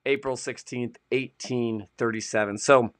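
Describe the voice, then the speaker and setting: A man's voice: medium pitch, fairly even intonation, unhurried. A man co-hosting a casual live-stream, chatting and joking as he reads idiom history from his sources. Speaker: co-host of a produce industry show.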